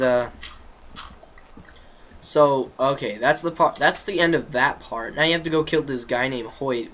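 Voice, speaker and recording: Guy rambling through a game plot, tons of "um" and "like", mid pitch, slangy, a little background hiss. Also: a bit bright, rough recording. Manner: rambling, full of fillers and restarts; casual and jokey, slangy. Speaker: gaming video creator. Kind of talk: rambling game story recap.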